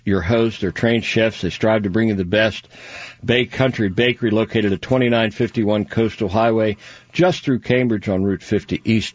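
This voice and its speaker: A man's voice: on the low side, no echo. A man, hosting a radio show and doing chatty live-read ads with personal asides. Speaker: radio host reading sponsor ads. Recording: dull lo-fi radio broadcast.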